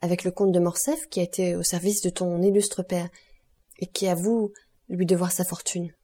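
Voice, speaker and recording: A woman voicing a composed, courteous middle-aged count in an audiobook, measured and polite. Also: fairly low pitch, flat delivery, dark tone, lightly acted. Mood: courtly.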